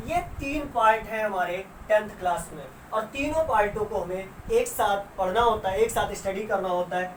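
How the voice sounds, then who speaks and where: A woman's voice: medium pitch, distant mic. A woman teaching a school science class. She asks her students questions, answers them herself and stretches out key words. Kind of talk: classroom lesson. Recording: roomy sound with faint noise, away from the mic.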